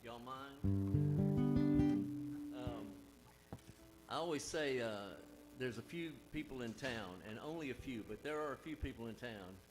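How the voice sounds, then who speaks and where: Guy rambling on stage introducing his band, loose folksy chat, loud music under it. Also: medium pitch, poor audio. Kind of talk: live stage banter between songs. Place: live music stage with audience. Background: guitar and band instruments.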